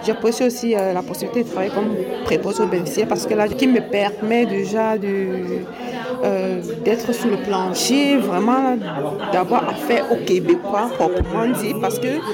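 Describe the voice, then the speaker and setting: A woman with a Cameroonian French accent speaks in a recorded testimonial, hesitant and often repeating words with a light laugh. Her voice sits at an ordinary middle pitch. A loud crowd murmurs behind her. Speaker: nurse in a recruitment cohort.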